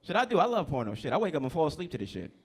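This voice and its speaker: A young man from New Jersey works a club crowd on a stand-up set, loose, crude and teasing. His voice sits a little high and bounces lively up and down. He talks into a handheld stage mic. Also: racing, breathy edge. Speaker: stand-up comedian.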